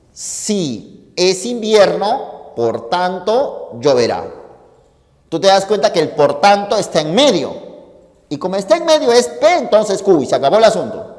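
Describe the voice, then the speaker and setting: A Peruvian-accented man lecturing a class, his voice high and swinging widely in pitch. He talks unhurriedly and keeps checking that students follow along. The room adds a long echo. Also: a little mellow. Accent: Peruvian Spanish. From Peru. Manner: emphatic, asks students for agreement often. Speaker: teacher. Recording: hall reverb in classroom.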